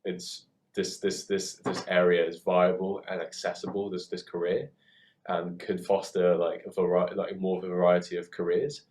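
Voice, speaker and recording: The recording is rough, carrying a low-pitched, darkish male voice with flat delivery at normal speed. The speaker, in his twenties, is from the UK though born in Hong Kong, and has a southern English accent. He works in theatre and co-produces photoshoots, and his reflective casual chat is hesitant and thoughtful, often reworded.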